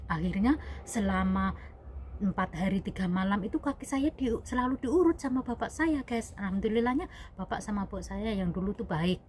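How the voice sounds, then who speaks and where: A woman's voice: medium pitch, animated, moderate pace, darkish tone, a little hiss or hum. A young woman vlogger, a domestic worker abroad, telling a personal story in a rambling, self-correcting way and addressing viewers as "guys". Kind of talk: casual spoken storytelling.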